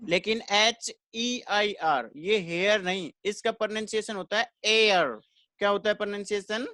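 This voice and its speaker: A man teaches English grammar in an online class, keeping the pace even and repeating each rule. He asks the students a question and then answers it himself. The recording is dry and close. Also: sits high, moderate pace, no echo.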